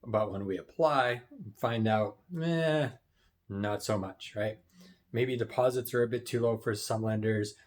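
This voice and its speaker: A man with a fairly low voice shares casual motivational advice as a business financing coach. He speaks to camera in a conversational way, keeps checking in with "right?", and clears his throat now and then. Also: fairly even intonation, normal speed. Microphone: wearing headphones.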